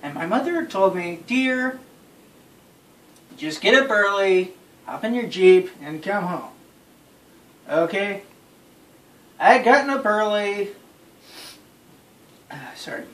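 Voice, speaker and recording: Exasperated and emphatic, a young man keeps repeating himself as he casually tells friends a story. His high-pitched, fairly bright voice is expressive and slow, with long pauses. The roomy, noisy audio comes from a distant phone camera across a small indoor bedroom.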